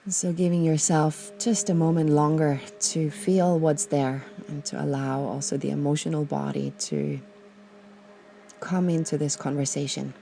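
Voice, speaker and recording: Soft-spoken woman from Austria, gravelly tone. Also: low-pitched, steady tone, slight background noise. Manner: slow, gentle, hesitant with many fillers. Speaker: podcast host. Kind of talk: guided reflection and personal talk.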